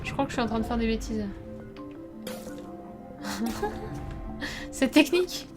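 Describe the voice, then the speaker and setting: A young woman streaming a game, chatting casually with her viewers, laughing often and sometimes breaking into loud startled outbursts. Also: on the high side, animated, measured pace, music in the background. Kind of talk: casual let's play commentary.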